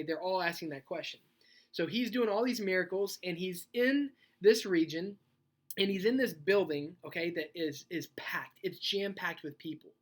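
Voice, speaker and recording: Woman youth pastor preaching, kinda low voice, chatty and animated, keeps asking "okay?". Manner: casual, animated storytelling with frequent "okay?" check-ins. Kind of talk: youth sermon. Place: church youth service.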